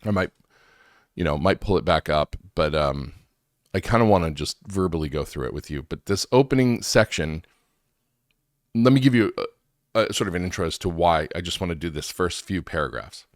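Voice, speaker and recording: Male host, low voice, a little wheezy with allergies, chatty commentary, dry close sound. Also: normal speed, no echo. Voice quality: slightly wheezy. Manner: informal, conversational. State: congested from allergies. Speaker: talk show host. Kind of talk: casual political commentary.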